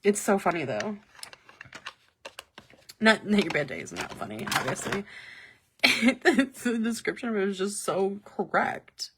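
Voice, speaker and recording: A chatty woman hosts a casual live stream, rambling excitedly with plenty of "like" and quick laughs. Her voice sits at an ordinary middle pitch. A faint hiss stays behind her. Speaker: planner stencil shop host. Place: office. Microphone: live-stream webcam mic.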